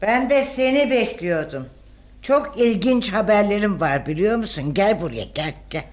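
An actress playing a stern, disapproving middle-aged aunt in a radio drama, prim and reproachful. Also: female voice, mid-range voice, lively intonation, normal speed, darkish tone, close to an everyday voice. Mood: eager.

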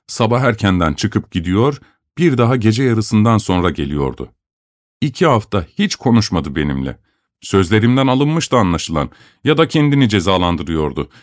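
A man reading a first-person story aloud in an expressive, measured storytelling manner. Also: lowish voice, no echo, clean studio sound. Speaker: narrator.

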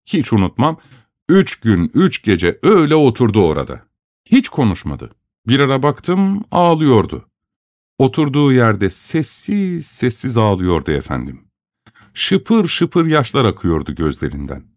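A man reading a first-person story aloud in an expressive, measured storytelling manner. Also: medium pitch, no room sound, clean studio sound. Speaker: narrator.

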